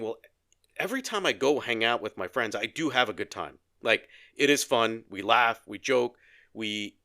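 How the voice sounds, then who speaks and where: Bright-voiced man, animated podcast co-host. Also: mid-range voice. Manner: animated storyteller, acts out quoted dialogue. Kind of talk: casual conversation.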